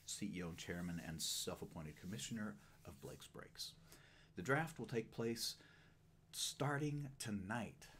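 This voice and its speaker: A man hosting his own channel, making a mock-grand, self-mocking announcement in a pompous, drawn-out way. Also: deep voice, a little hiss or hum. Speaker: host of a card-break channel.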